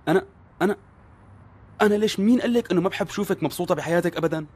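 A jittery middle-aged father with a Syrian accent in a dubbed TV drama. He rattles on at a breakneck clip in a husky, slightly high voice, always on the defensive. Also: very fast, a little mellow. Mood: flustered. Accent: Syrian Arabic. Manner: flustered, talks over others and protests. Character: fretful divorced father, defensive and excitable.

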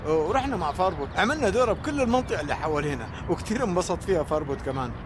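Fast, cheeky Syrian uncle. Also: male voice, sits high, expressive, noisy background. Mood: breezy, cheeky. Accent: Syrian Arabic. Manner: flippant, playfully evasive. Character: cheeky, reckless, food-loving uncle, evasive and argumentative.

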